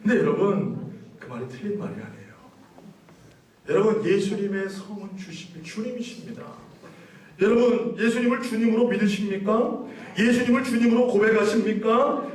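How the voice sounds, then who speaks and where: There is slight background noise as a high-voiced pastor preaches at a moderate pace, recorded at a distance in an echoey church sanctuary. He poses questions to the congregation and rises into emphatic passages.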